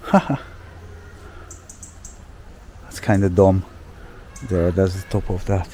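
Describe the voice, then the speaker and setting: Slow-talking low-voiced man vlogging outdoors. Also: little pitch movement, warm tone, slight background noise. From Romania. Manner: exclaims often, loose fillers, talks to viewers as guys. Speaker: travel vlogger. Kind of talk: casual walking vlog. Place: outdoors in a town street.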